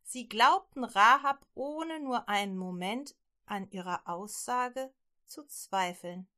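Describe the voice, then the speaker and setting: Woman storyteller, very slow and bright, expressive read-aloud style for children. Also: a little high.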